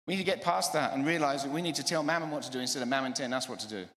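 Fast, energetic preacher in an echoing hall. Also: male voice, mid-range voice. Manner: energetic, emphatic, repeats phrases. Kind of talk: sermon. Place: church hall. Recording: echoey church hall.

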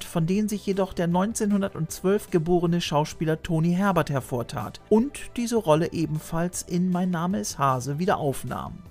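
A man in his thirties, host of a retro TV channel, narrates a scripted piece about voice actors, informative but sprinkled with chatty, playful asides. His voice is high with a darkish tone. He records into a boom-arm studio mic in a small room lined with shelves of videos and toys.

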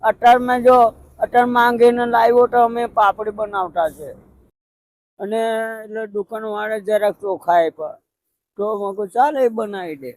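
An elderly man from Pavagadh, Gujarat, talking outdoors by a roadside hut in a halting, plaintive, repetitive way. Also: high-pitched, steady tone. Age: older. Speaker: interviewee. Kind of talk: emotional conversational interview.

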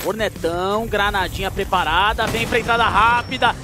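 Very high-pitched Brazilian male hype game announcer. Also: fairly even intonation, heavy background noise. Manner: hype fighting game announcer delivery, drawn-out shouted calls. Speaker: esports commentator. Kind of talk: excited live esports play-by-play commentary. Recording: game commentary over background music.

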